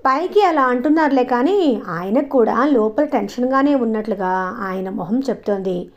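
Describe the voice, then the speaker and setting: A woman narrates a first-person audio story in an expressive, conversational reading. Her voice is a little high-pitched. The recording sounds slightly dull and lo-fi. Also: normal speed.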